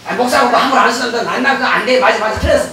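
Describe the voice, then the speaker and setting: A pastor playing a taunting devil. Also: male voice, very high voice, rapid-fire, pushed and bright. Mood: mocking. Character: scheming male devil, taunting and giving up. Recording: very echoey church hall, distant mic, faint noise.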